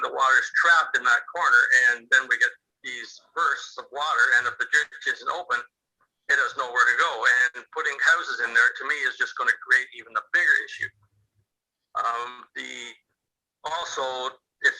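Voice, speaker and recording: Older guy calling in, phone held up to a speaker so it's re-recorded, super bright tinny sound, stops and restarts a lot. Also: medium pitch. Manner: earnest, halting, frequent restarts and fillers. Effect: phone call replayed through a loudspeaker into another mic. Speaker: neighboring property owner giving public comment. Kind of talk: public comment at an online committee hearing.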